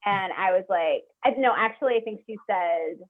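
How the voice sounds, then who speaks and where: A young woman speaks as a guest over a remote call, and her voice comes through thin and tinny like a phone line. She tells her story with animation, peppering it with "like" and acting out what others said. Her pitch sits in an ordinary middle range. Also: moderate pace. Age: young adult. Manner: animated, heavy use of "like", quotes others. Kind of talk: personal storytelling in an interview.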